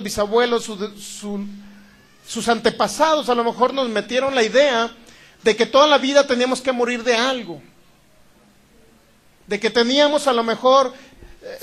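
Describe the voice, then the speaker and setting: A man from Sinaloa, speaking Sinaloan Mexican Spanish with a northern Mexican accent, preaches a loud, emphatic sermon in a very high voice. He repeats key phrases and frequently asks the congregation if they understand.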